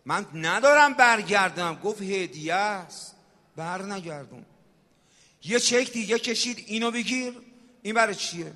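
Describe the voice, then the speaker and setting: A man preaching a sermon, swinging from shouted exhortation to soft, hushed storytelling. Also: high-pitched, pauses often. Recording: long hall reverb.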